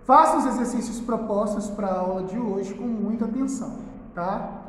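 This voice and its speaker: A Brazilian man teaching a recorded school lesson in front of a whiteboard, patiently repeating key words slowly and checking in with "tá?". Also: high-pitched, a bit bright, a little hiss or hum. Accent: Brazilian Portuguese. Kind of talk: recorded online class lesson. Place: classroom with a whiteboard. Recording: echoey room with long reverb.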